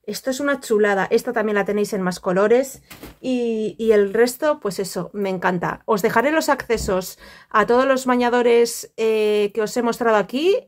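A woman's voice: on the high side, normal speed. A middle-aged woman from the Country, chatting casually to camera outdoors by a pool, affectionate and full of fillers. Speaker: vlogger.

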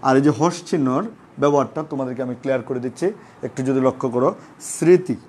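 A male teacher with a Bangladeshi Bengali accent gives a live online class, explaining slowly and repeating examples for his students. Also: medium pitch, a little mellow, slight background noise. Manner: patient, repetitive explaining, addresses students as friends.

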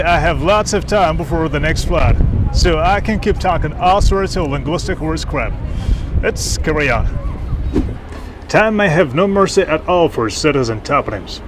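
Out on city streets and squares with traffic noise around him, a young man films himself on a handheld camera for a casual educational vlog. A native Russian speaker with a slightly high voice, he keeps things wry and irreverent with playful asides.

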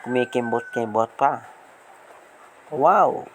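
A man with a slight lisp from missing front teeth, giving excited casual commentary as a vlog host outdoors. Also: medium pitch, slow pace. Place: outdoors on a rural road, partly riding a motorbike. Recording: outdoor noise, passing motorbikes.

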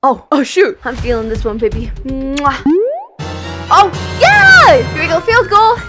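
Excitable young woman gamer, high, swooping voice, music behind. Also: a little slow. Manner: excitable, squealing, gasping and laughing. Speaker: gaming video host. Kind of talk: excitable VR gameplay commentary.

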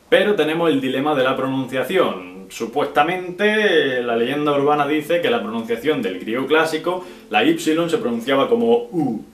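A young man from Spain, answering viewer questions in a casual vlog, clipping words and tagging sentences with "right?". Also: medium pitch. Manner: chatty, drops syllables as "pa'", frequent "¿vale?" and "¿no?". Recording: echoey room with faint guitar music.

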